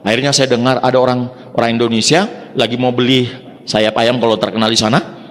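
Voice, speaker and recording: A man's voice: mid-range voice, flat delivery, fairly quick, fairly bright tone. A man giving a motivational talk to an audience, telling his story with acted-out dialogue and frequent direct address. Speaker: motivational speaker. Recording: long hall reverb.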